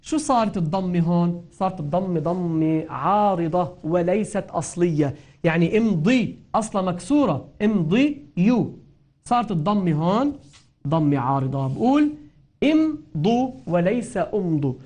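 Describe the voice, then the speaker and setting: A man with a Lebanese accent teaching a recitation lesson, explaining patiently and repeating example words slowly. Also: high voice, animated, a little mellow. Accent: Lebanese Arabic. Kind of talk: spoken grammar and tajweed lesson.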